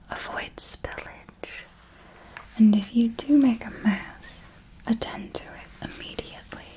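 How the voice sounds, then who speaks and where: In an ASMR roleplay, a woman whispers as an ancient female vampire mentor who is serenely ruthless and darkly tender, speaking formally and coaxingly. Her voice is fairly high with a darkish tone, and the recording is rough.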